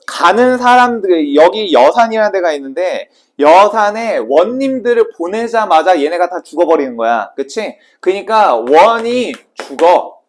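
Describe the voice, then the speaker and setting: Man, literature teacher, exam prep lecture, high voice, casual, asks and answers his own questions. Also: expressive. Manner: brisk and casual, asking students questions and answering them himself.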